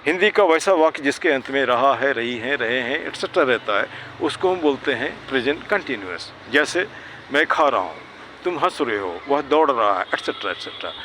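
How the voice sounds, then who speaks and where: A man's voice: mid-range voice, expressive, moderate pace, pushed and bright, a little hiss or hum. A man teaching English grammar to children in Hindi, patiently checking that they understand. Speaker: English tutor. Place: outdoors near traffic.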